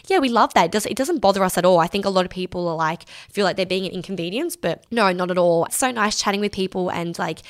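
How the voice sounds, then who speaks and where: A young woman in her twenties hosting a solo Q&A podcast, chatting casually and using "like" a lot. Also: on the low side. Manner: chatty, filler-heavy with lots of "like". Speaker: podcast host.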